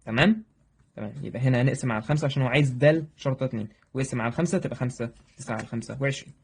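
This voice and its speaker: A young man with an Egyptian accent teaching a brisk, joking exam review lesson, talking straight to his students. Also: mid-range voice, gravelly, breathy edge. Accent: Egyptian Arabic. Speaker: math teacher.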